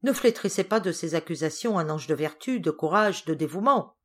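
A woman's voice: on the low side, expressive, a little fast, fairly bright tone. A woman voicing a proud, scornful governess cousin in an audiobook. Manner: scornful, reproachful.

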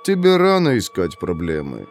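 A man voicing a calm, detached young male prisoner in his twenties who speaks slowly and in a measured, lecturing way. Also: deep voice, faint music behind, pitched below the performer's own voice, exaggerated voice. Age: 20s.

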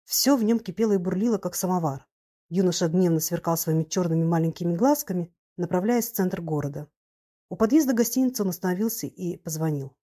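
A woman narrating a novel in a steady, measured storytelling voice. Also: lowish voice. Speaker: audiobook narrator. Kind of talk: scripted narration.

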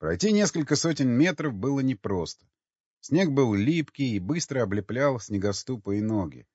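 A man narrating an audiobook with lively storytelling. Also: mid-range voice, moderate pace, slightly rough, no room sound. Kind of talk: scripted narration. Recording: dull lo-fi dry recording.

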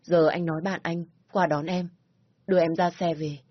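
A woman doing a calm reassuring young man. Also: fairly low pitch, normal speed, no room sound, dull audio, lightly acted. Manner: soothing, steady.

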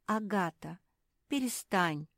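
A woman's voice: mid-range voice, animated, takes it slowly, no echo, clean studio sound, voice pushed up. A woman voicing a kindly, gracious female pug who is cheerful and easily delighted.

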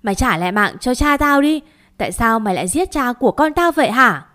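A bitter old mother-in-law in a spoken story, wailing in grief one moment and screeching accusations the next, as a woman narrator puts her on. Her voice sits a little higher and much louder than the reader's own. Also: animated, fairly quick, lightly acted. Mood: screeching rage.

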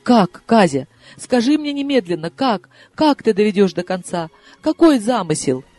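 A man reading a novel aloud and voicing an excitable young woman in love, who exclaims and pleads in quick questions. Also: sits high, slightly rough, soft background music, voice pushed up, heavily acted. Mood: excited.

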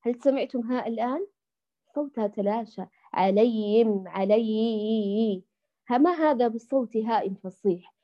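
A woman teaching Quran recitation to women, patiently drilling and repeating syllables slowly. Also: on the high side. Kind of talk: tajweed lesson for women. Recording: dull lo-fi audio.

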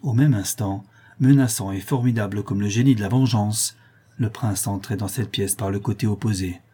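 A man narrating a classic novel as an audiobook, with a steady, dramatic storytelling manner. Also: lowish voice, normal speed, husky.

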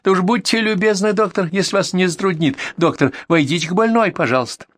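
Man voicing a shrill spiteful fat neighbor woman. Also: sing-song, normal speed. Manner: shrieking, sarcastic, mocking.

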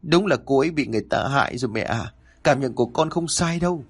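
A grief-stricken young man voiced by a male narrator pleads tearfully in a horror audio story. His voice sits higher than the narrator's and has a husky edge. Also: animated, fast. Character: grieving young man in a wheelchair, desperate.

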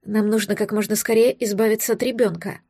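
A woman voicing a thousand-year-old male dragon, anxious and tender, speaking low and pleading in an audiobook. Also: steady tone, brisk, creaky, warm tone, slightly rough, no room sound, clean studio sound. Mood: alarmed.

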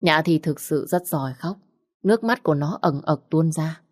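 Female story narrator, low voice, dry close sound. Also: moderate pace, darkish tone, dry recording.

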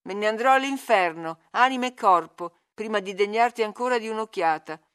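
A woman's voice: a little high, moderate pace, fairly bright tone, voice pushed up, natural voice. A woman reading aloud, voicing a surly, scornful young farmhand who snaps and growls. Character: surly, sullen young man, rough farmhand.

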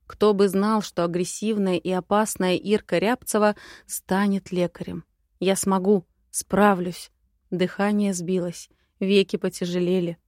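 A young adult woman narrating a fantasy audiobook in the first person, with an expressive, inner-monologue reading. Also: mid-range voice, a little slow, no room sound, studio quality.

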